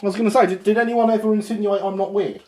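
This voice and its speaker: A man's voice: high-pitched, steady tone, rapid-fire, warm tone, roomy sound. A British man hosting a model railway livestream, chatting casually and laughing at himself while he works. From Britain. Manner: jokey, self-mocking, laughs often. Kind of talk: casual live-stream chat.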